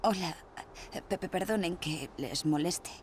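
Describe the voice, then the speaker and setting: A woman's voice: lowish voice, measured pace, slight background noise, lightly acted. An actress voicing a tough, worn-out young woman drifter in a dubbed video game, blunt and snappy one moment, pleading with strangers the next.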